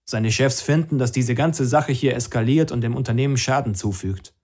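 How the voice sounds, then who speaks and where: A man reads a disapproving middle-aged father in an audiobook. He speaks bluntly and coldly, lecturing at an ordinary middle pitch. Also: moderate pace, a little mellow, slightly rough. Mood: stern. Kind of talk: audiobook character reading.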